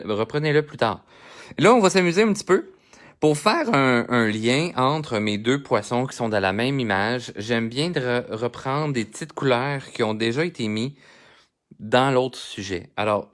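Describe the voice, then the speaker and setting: A man's voice: medium pitch, a bit bright. A man with a Québécois accent giving a live coloring tutorial, chatting directly with his viewers as he works. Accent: Québécois French. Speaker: art instructor. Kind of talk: live-streamed drawing tutorial.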